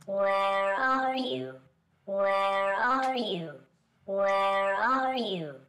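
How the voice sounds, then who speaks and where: A man's voice put through formant shifting and hard pitch correction, so it sounds choppy, mechanical and locked to set notes. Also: drawn-out words, sharp tone, faint music behind, heavily acted. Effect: formant-shifted, hard pitch-corrected robotic portal voice. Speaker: music production tutor demonstrating an effect.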